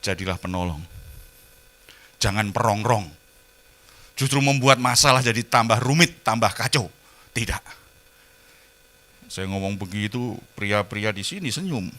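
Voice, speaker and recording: A middle-aged pastor, preaching a sermon in a folksy, storytelling way that moves between loud emphatic peaks and soft asides. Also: male voice, fairly low pitch, expressive, unhurried, pauses often.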